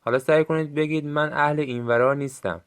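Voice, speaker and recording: Man slowly teaching Gilaki phrases. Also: a little high, steady tone. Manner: slow, clear model phrases for listeners to repeat. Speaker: language teacher. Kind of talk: recorded language lesson.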